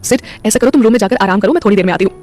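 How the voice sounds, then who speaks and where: A woman voicing a gentle, bashful young woman in a romantic audio story. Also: medium pitch, racing, close to an everyday voice. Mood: friendly. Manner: gentle, shy.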